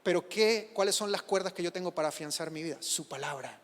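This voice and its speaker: A pastor preaching a sermon in a church, emphatic and repetitive, building phrases up into loud exclamations. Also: male voice, high-pitched, quick pace. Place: church sanctuary. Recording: echoey church hall.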